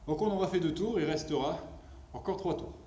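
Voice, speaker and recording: A man's voice: on the high side, brisk, mellow. Echoey male coach counting workout reps. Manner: workout rep counting, short counts between casual remarks. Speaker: fitness coach leading a home workout. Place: indoors at home, echoey room. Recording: roomy echo, some background noise.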